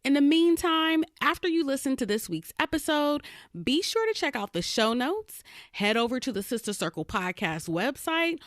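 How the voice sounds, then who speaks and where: Casting: upbeat woman podcast host, lively animated pitch, dry close sound. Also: moderate pace, no room sound. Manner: upbeat, affirming interviewer. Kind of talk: podcast interview.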